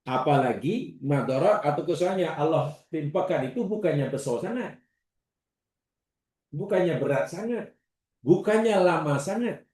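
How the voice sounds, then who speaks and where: A man with a Malaysian Malay accent teaching a religious class, lively, acting out examples and questioning his students. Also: a little high, moderate pace. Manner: questions the class and repeats their answers. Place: classroom or prayer hall. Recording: roomy echo, distant mic.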